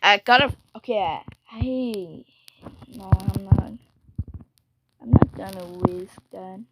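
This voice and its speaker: A woman commenting on a game she is playing, talking at an unhurried pace. She mocks herself and swings from hushed whispers to sudden shouts. Clear background noise runs under her voice. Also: medium pitch. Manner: self-mocking, jumpy, drops into whispers and sudden yells. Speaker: gamer.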